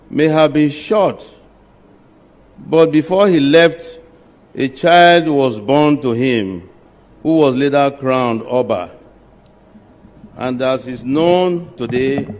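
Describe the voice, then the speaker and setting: A man narrating a history documentary in a measured, formal way. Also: medium pitch, a little mellow, long reverb tail.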